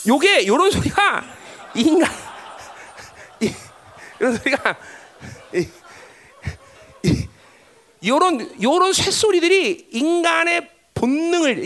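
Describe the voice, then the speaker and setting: Emphatic Korean preacher with a wildly swinging pitch. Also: male voice, a bit bright. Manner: emphatic, pitch swinging widely, constant tag questions to the congregation. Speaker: pastor. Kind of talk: sermon.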